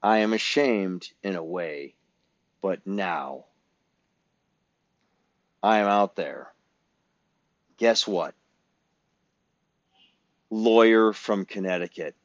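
A man's voice: sits low, drawn-out words, pauses often, no room sound. A man, ranting bluntly and profanely as a podcast host. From Illinois, US Midwest. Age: 50s. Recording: dull, dry lo-fi recording.

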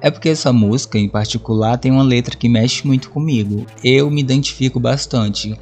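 Brief: male podcast host, relaxed chat about music, lively and a bit crude. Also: mid-range voice, fairly quick, slight background noise. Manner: lively storyteller who acts out his own reactions; swears casually. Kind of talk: casual monologue about favorite songs.

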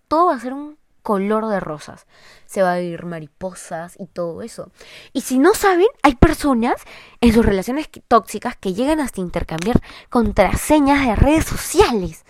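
A woman's voice: a little high, expressive, moderate pace, a little mellow, no echo, clean studio sound. Emphatic young woman giving advice. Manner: emphatic, repeats herself, keeps asking "me entienden". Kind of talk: casual advice monologue.

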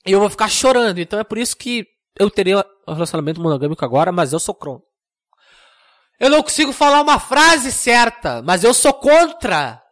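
A young man hosting a comedic solo podcast, rambling and mocking himself in a deadpan way. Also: sits high, fairly quick. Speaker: podcast host.

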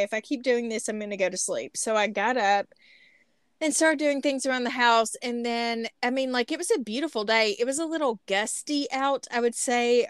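A woman's voice: on the high side, a bit bright, clean tone, no echo, studio quality. A middle-aged woman with a Southern American hillbilly accent, chatting casually and self-deprecatingly as a podcast host. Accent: Southern US hillbilly, Appalachian-like. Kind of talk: casual chat.

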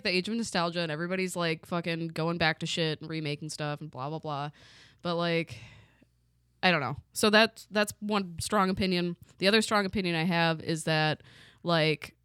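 A woman's voice: lowish voice, smooth, no echo, clean studio sound. Blunt, swearing woman podcast co-host. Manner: blunt, swears freely, animated rants. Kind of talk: casual chat.

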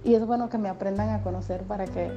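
A woman from the Dominican Republic with a softened Dominican accent, hosting a podcast in an encouraging, chatty way with frequent fillers. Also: medium pitch, fairly even intonation, fast, over music. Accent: Dominican Spanish, softened toward neutral. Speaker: podcast host and radio announcer. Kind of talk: casual motivational podcast talk.

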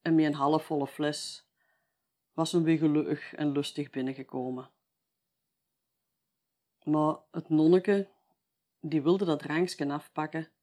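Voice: medium pitch, steady tone, moderate pace, darkish tone. Brief: Flemish-accented local storyteller, folksy oral telling, conversational tags at the end of lines. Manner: chatty, tags sentences with "hè".

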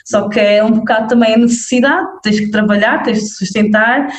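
Fairly high-pitched, this young woman with a northern Portuguese accent speaks casually as an interview guest. She's lively, uses many fillers, and often checks in quickly with the listener, all in a roomy, echoing space.

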